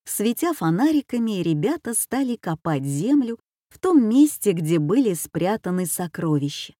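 A woman reading a children's adventure story aloud in a slow, measured way. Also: mid-range voice, sing-song, dark tone, dry recording, studio quality. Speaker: audiobook narrator. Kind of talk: scripted narration.

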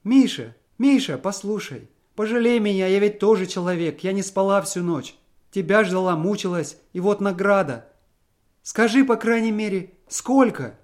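A man voicing a distressed young wife in a storybook reading, pitched well up, pleading and reproachful. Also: lively intonation, normal speed, darkish tone. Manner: high strained reproachful pleading.

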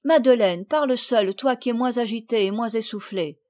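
Woman doing patient gentle lady. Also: a little high, normal speed, natural voice.

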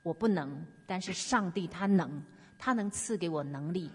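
A woman's voice: lowish voice, expressive, normal speed, breathy edge. A woman preaching earnestly, sharing testimony and urging her listeners on. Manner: earnest, exhorting. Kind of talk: sermon with personal testimony. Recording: long hall reverb.

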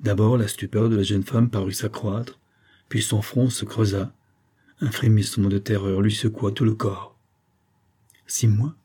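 A man narrates a gothic novel in a measured, literary reading. His voice sits low and dark, with a husky edge to it. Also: little pitch movement. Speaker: audiobook narrator. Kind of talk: scripted narration.

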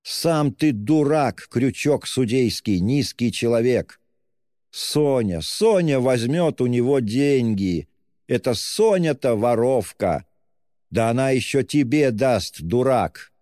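A frantic older woman who shrieks and hurls insults, her voice pitched high and loud, as a male narrator acts her out. The audiobook reading carries a long hall reverb. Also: animated, slow, clean studio sound. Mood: hysterical. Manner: screaming, hurling insults.

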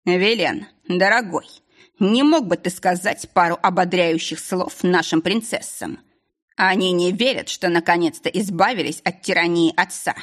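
A woman's voice: fairly low pitch, a bit bright. A woman playing a smug, cold villainous duke. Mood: smug, mocking. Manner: slow, mocking, unhurried.

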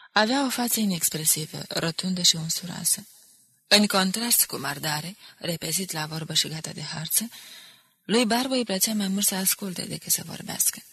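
Gravelly woman reading a novel aloud. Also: lowish voice, bright, forceful tone, dry recording. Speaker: audiobook reader. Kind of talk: scripted narration.

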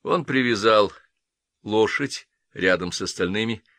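A man narrating an audiobook with a low, bright, forceful voice. The sound is close and dry, and the delivery measured. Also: no echo.

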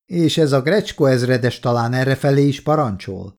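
A man reading an audiobook, voicing a gruff, scornful male partisan commander who talks in blunt, mocking orders. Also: mid-range voice, animated, darkish tone, lightly acted.

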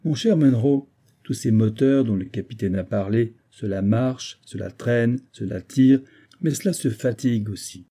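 A confident, methodical engineer from an audiobook, voiced by a man. He explains point by point in a measured, persuasive way, his tone dark and slightly husky. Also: medium pitch. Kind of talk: audiobook character reading.

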